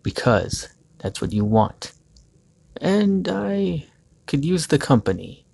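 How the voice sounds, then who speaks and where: A man voicing a calm, grave male phantom hero who speaks in a measured, solemn way, with a gravelly voice. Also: a little high, no room sound, pitched above the performer's own voice, full character voice.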